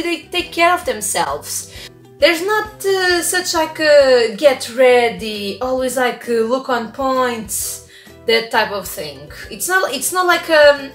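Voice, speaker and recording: A young woman from Portugal chatting excitedly in a casual vlog, full of "like" fillers. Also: high-pitched, roomy sound. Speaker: vlogger.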